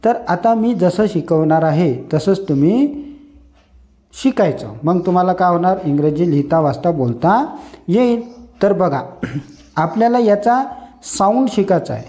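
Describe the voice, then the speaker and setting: A man's voice: sits high, expressive, measured pace, dark tone. A man teaching English phonics to beginners, asking questions and then answering them himself. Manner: repetitive call-and-response teaching, asks and answers own questions. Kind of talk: slow phonics lesson for beginners.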